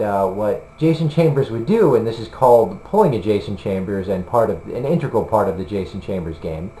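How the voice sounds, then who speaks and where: Talking casually to the camera for a combat sports site, a man vlogs in a rambling, hesitant way full of fillers. His voice is lowish with a darkish tone, and the roomy space carries a faint hum.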